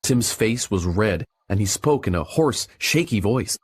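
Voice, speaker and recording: Expressive male storybook narrator. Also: on the low side, unhurried, slightly rough. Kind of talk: storybook reading.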